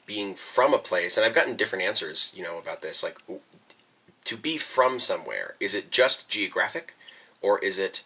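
A young adult vlogger muses in a reflective personal documentary style from a small bedroom indoors. His bright, low voice is animated at a normal speed. He's thoughtful and hesitant, repeating words as he searches for them.

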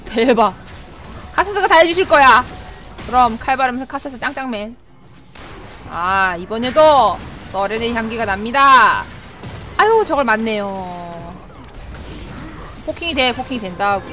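Excitable high-voiced woman streaming a game. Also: measured pace, pauses often, soft background music. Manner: excitable, yelps and laughs at plays. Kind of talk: live gameplay commentary.

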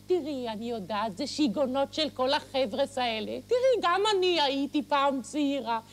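A man's voice: very high-pitched, animated, a little hiss or hum. A man playing a fussy, nagging Israeli mother of the grandma type in a TV comedy sketch, dramatic and scolding, repeating phrases insistently. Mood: fussy advising. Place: TV studio, seated at a desk. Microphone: lapel mic.

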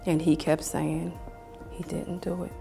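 A woman in her fifties speaking quietly and haltingly in an emotional TV interview. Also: low-pitched, flat delivery, gravelly, over music. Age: 50s.

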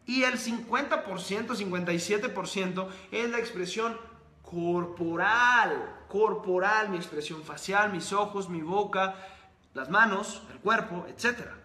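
A man's voice: high voice, moderate pace, pushed and bright. A man hosting a live stream, giving an emphatic motivational talk and answering viewer comments in long repeated lists. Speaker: host of a live stream on sales and reading. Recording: echoey room.

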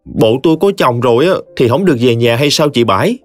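A man voicing a sulky, sharp-tongued young bride with a Southern Vietnamese accent, talking in a whiny, defiant way. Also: fairly high pitch, very animated, fairly quick, no echo, faint music behind, pitched above the performer's own voice.

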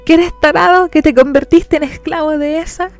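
A woman voicing a defiant, mocking teenage boy fighter in a storybook reading, with a gravelly edge to her voice. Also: mid-range voice, normal speed, faint music behind, natural voice. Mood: taunting. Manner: taunting, shouting in anger.

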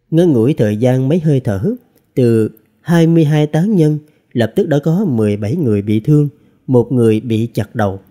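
A man narrating a fantasy novel as an audiobook reader, with expressive storytelling. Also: mid-range voice.

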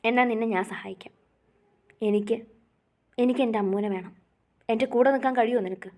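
A woman's voice: fairly high pitch, brisk, a little mellow, close to an everyday voice. A woman voicing a mysterious, scheming masked man in a storybook reading. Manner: persuasive, conspiratorial. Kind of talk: storybook narration.

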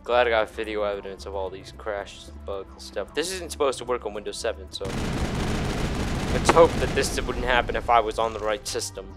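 With music in the background, a man with a lowish voice talks briskly while hosting a video game playthrough. He rambles, swears without restraint, and turns theatrical, dropping into mock shouts.

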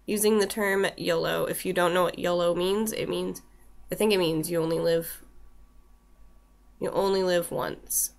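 A vlogger in her twenties talks to her built-in webcam mic from a small room with shelves, reading through a list and adding wry asides. Slightly snuffly from a cold, her lowish, gravelly voice holds a steady tone at a normal speed.

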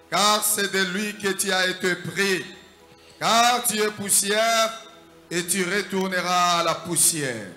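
A man reads Bible verses aloud in a slow, measured way. His voice is high and bright. The sound is roomy and echoey, with soft music behind. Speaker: scripture reader. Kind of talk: reading scripture aloud.

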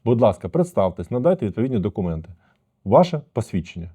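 Low, dark-voiced man commenting on a video. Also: very animated, breathy edge. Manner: measured, explanatory, addresses viewers as friends. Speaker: lawyer commenting on a traffic video.

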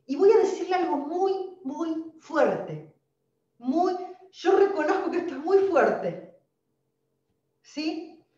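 A woman's voice: very high voice, slow, pauses often, echoey room, distant mic, lo-fi sound. A woman with an Argentine accent hosting a live-streamed spiritual wellness talk, emphatic and speaking straight to her viewers. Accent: Argentine Spanish. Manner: animated, emphatic, addresses viewers directly. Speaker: holistic wellness host.

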